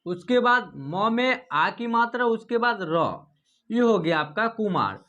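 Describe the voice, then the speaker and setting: A woman's voice: mid-range voice, lively intonation, fairly bright tone, muffled recording. A woman teaching Hindi reading online. She explains patiently and repeats herself, drawing out single syllables one by one and often adding the filler "jo hai na". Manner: patient, repetitive, slowly sounding out syllables. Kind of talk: explanatory lesson narration.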